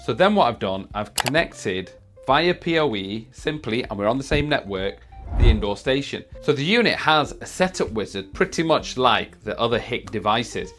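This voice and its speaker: A man's voice: medium pitch, animated, moderate pace, fairly bright tone. A man giving a casual product demo, explaining features step by step in an explanatory manner. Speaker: product reviewer and demonstrator. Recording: music behind the voice.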